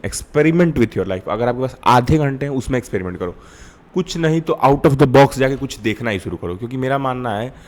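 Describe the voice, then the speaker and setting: A man's voice: mid-range voice, a little mellow. A young man giving a reflective monologue as the channel's host, thinking aloud with fillers and restarts and mixing in English.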